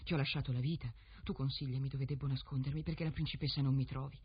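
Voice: mid-range voice, steady tone, quick pace, slightly rough, highs cut off. A storyteller voicing an earnest, desperate young man in a fairy tale, pleading for help. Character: desperate young man hiding for his life.

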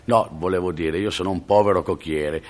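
A humble old coachman explains himself in a low, resigned voice, as a man puts him on. His tone is apologetic and settled in a deeper register than the teller's usual one. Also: steady tone, brisk, close to an everyday voice.

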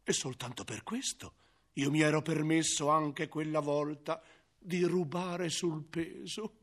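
A man's voice: fairly high pitch, fairly even intonation, unhurried, a bit bright. A man narrating a 1970s radio comedy as a crafty butcher, theatrical and ironic. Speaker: narrator and first-person butcher.

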